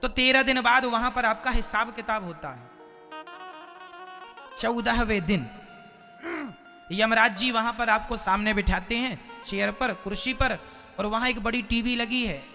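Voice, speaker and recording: Male preacher, very high piercing voice, dramatic exhorting delivery, long hall reverb, faint music behind. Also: unhurried, pauses often, sharp tone. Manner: dramatic storytelling, exhorting the crowd. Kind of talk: devotional katha sermon.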